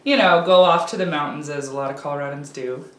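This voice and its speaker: A woman in her thirties from Alaska, interviewed as a guest, talks candidly and casually with frequent ums and restarts. Her voice sits low and she speaks fast. The recording has a roomy echo and faint background ambience.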